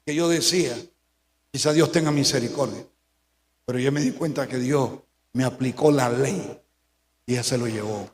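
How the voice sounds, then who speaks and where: A male pastor preaching a sermon, swinging between hushed lines and shouted warnings. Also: medium pitch, moderate pace, pauses often, echoey room, long reverb tail.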